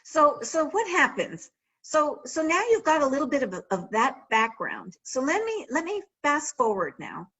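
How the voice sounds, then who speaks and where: A woman's voice: sits high, sing-song, moderate pace, fairly bright tone, muffled recording. A middle-aged woman, an author and former sportswriter, telling anecdotes in a conversational library talk and often restarting her sentences. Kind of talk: storytelling talk.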